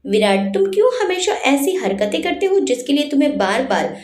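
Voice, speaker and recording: Brief: woman narrator as a young mother, gentle with her child, sharp with grown men, high lively voice, roomy echo. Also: brisk. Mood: scolding. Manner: scolding. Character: young mother, tender to her son, fierce when crossed.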